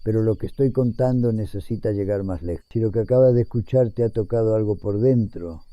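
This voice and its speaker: An elderly man around a hundred years old narrates a scripted, reflective story in a solemn, measured manner. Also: lowish voice, no room sound, highs cut off. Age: 100. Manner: solemn, measured, literary phrasing.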